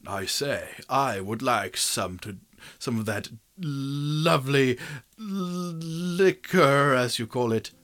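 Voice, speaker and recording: A man voicing a pompous, posh talking guard dog in a tabletop game, with stately, drawn-out, formal phrasing. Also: mid-range voice, fairly bright tone.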